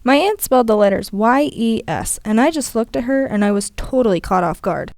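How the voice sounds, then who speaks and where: A young woman, a student interpreter, voicing a first-person story in a steady, measured way. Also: fairly high pitch, no room sound, clean studio sound. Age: young adult.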